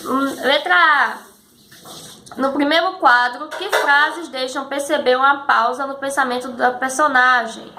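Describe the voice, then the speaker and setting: A woman teacher explaining a lesson patiently and slowly, often checking that her students follow. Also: high voice, steady tone, sharp tone. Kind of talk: recorded school lesson. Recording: echoey room with faint background noise.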